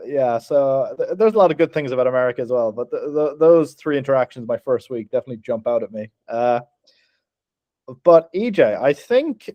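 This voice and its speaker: An Irish man co-hosting a podcast, telling animated stories, acting out quotes and swearing freely. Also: mid-range voice, dry recording, lo-fi sound. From Ireland. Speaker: podcast co-host. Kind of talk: casual storytelling chat.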